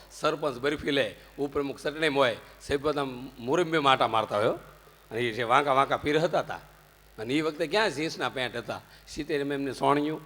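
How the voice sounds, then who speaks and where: Jokey Gujarati male storyteller, fairly high voice, long hall reverb. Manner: jokey, anecdotal, animated swings into loud punchlines. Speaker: religious storyteller. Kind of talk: humorous religious discourse.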